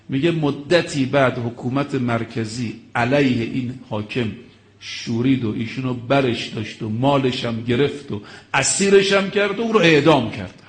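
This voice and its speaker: A man's voice: medium pitch, reverberant. A man preaching a religious sermon, telling stories dramatically, acting out the quoted speech and rising to emphatic exclamations.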